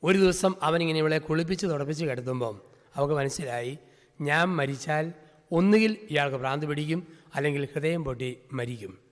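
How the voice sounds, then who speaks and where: Priest preaching with a lively storyteller's rhythm. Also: male voice, a little high, fairly quick. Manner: vivid storytelling with rhythmic lists. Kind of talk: storytelling sermon. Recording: reverberant hall.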